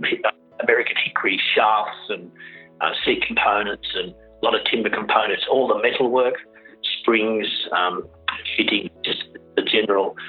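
An Australian man explaining things informally as an interview guest, halting and often repeating his words. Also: on the low side. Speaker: interview guest, carriage driver. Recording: dull lo-fi radio-like audio.

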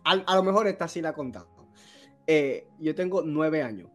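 A man on a podcast, telling a spooky childhood story in a casual, animated, self-mocking way. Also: a little high, normal speed, faint music behind. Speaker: podcast co-host.

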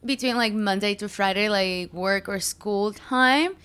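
A young woman from Mexico talks as a podcast guest in a relaxed, rambling way, full of "like" and "um". Her voice is smooth and clear, at an ordinary middle pitch. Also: unhurried. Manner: chatty, filler-heavy, laughs easily. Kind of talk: casual interview chat.

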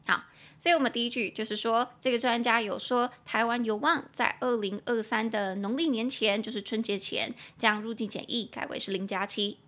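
A woman in her twenties with a Taiwanese Mandarin accent, hosting a casual podcast English lesson and slowly repeating words as she explains them. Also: on the high side, fairly even intonation, a bit bright. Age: 20s. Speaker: English teacher podcast host.

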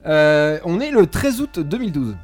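Guy running a tabletop rpg, very lively voice, faint music. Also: fairly high pitch, normal speed. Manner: lively, hesitant with fillers. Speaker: game master. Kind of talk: tabletop game narration and chat.

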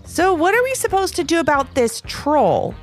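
A puzzled young boy , as a woman puts him on, asks hesitant questions in a high, bright voice. Faint music sits under the storybook reading. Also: sing-song, normal speed.

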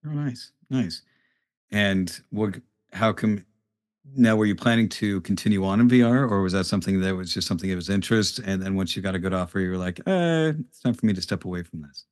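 A man's voice: deep voice, a little fast, no room sound, studio quality. A man hosting an interview podcast, talking in a plain-spoken, conversational way.

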